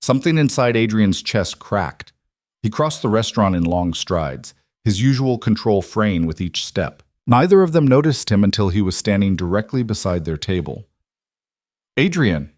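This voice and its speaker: A man giving scripted narration of a romance drama in a measured, dramatic storytelling manner. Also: lowish voice, sing-song, a little mellow, dry recording, clean studio sound.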